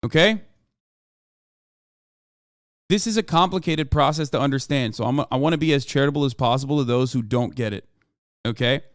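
The same kind of forceful, profane political rant comes from a man in his thirties, streaming from a small home room with a close desk microphone. He talks briskly at a medium pitch, pausing often, and the recording is dry.

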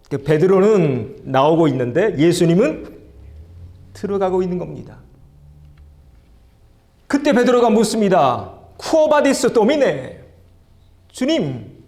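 Gravelly-voiced Korean pastor preaching a sermon. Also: male voice, on the high side, darkish tone. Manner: asks the congregation questions and leads group reading. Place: church sanctuary.

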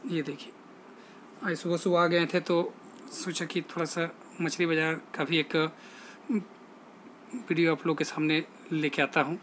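A man talks through a casual walking vlog, his voice sitting a little high for a man. He narrates into a phone held at arm's length in an outdoor market, calmly pointing out what he sees. Street noise and passing traffic run clearly under his voice. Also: rough recording. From India. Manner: plain, unhurried tour-guide commentary, pointing things out. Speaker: vlogger.

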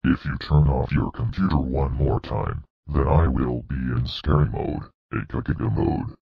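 A demonic evil purple dinosaur, gloating and threatening at a slow, deliberate pace. The voice sits extremely low with a gravelly, husky edge. It comes through dull and muffled, like a lo-fi cartoon track. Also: male voice, exaggerated voice. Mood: menacing.

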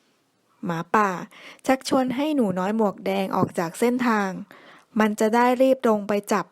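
A woman narrates a children's bedtime story in a clear, expressive read-aloud style. Her voice sits somewhat high for a woman. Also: normal speed, no echo, studio quality.

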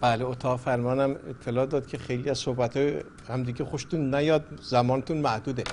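A man's voice: mid-range voice, flat delivery, a little mellow, a little hiss or hum. A man hosting a political talk show, poised as a moderator, his voice lifting when he presses a point. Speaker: host.

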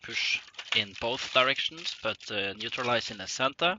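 A man casually narrating an unboxing of simulator parts at his desk, thinking aloud with hesitant pauses. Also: mid-range voice, lively intonation. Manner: slow, halting, thinking aloud with frequent pauses. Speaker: hobbyist unboxing flight simulator cockpit parts. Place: indoor workshop room at a desk. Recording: dull lo-fi sound with clear rustling and clicking noise.

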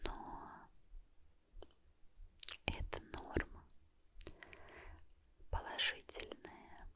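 A tired young woman chatting in a gentle, breathy whispered murmur, ASMR style, very close to a condenser microphone. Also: drawn-out words. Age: young adult. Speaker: ASMR host. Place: small dim room, lying on a pillow. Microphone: large condenser mic very close to mouth.

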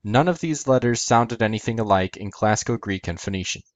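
Low-voiced man explaining step by step. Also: animated, brisk, no echo, muffled recording. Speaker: educational video host. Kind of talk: scripted explanatory narration.

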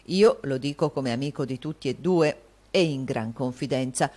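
A woman's voice: a bass voice, normal speed, mellow. A woman reading an audiobook, voicing a gossipy, meddling male actor with an insinuating, confiding tone. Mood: sly gossip.

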